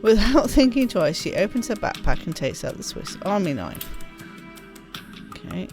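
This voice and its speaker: With game music playing underneath, a woman reads a game's story text expressively as a let's play host, tossing in offhand remarks as she plays. Her voice is medium in pitch, very animated, gravelly and darkish, and moves at a moderate pace.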